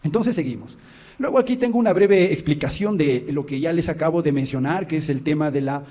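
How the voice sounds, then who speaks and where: A man's voice: a little high, animated, a little fast, dark tone. A man, presenting research to an audience in an explanatory way and often checking in with listeners. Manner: explanatory, addresses listeners directly, frequent "¿no?" tags.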